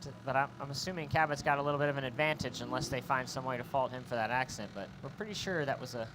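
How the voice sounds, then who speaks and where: A man giving live play-by-play commentary at a drift event, excitable and jokey. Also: mid-range voice, very fast, background noise.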